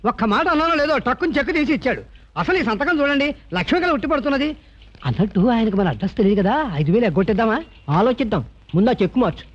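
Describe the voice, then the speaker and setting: A man's voice: very high-pitched, expressive, rapid-fire. An actor playing a sly, quarrelsome male sidekick. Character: scheming, bickering male sidekick. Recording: muffled film soundtrack.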